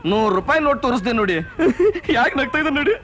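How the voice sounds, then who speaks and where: Sly chatty thief in an old comedy film, high lively voice, noisy track. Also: male voice, racing. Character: sly male thief doting on a baby. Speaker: father speaking to an inspector. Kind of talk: 1980s film comedy acting. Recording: film soundtrack with background noise.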